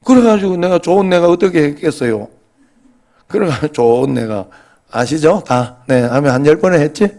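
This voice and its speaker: A man's voice: a little high, expressive, fairly quick. A male pastor, giving a sermon in a chatty, joking way and often asking the congregation "eh?". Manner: grows louder and more emphatic when preaching on scripture.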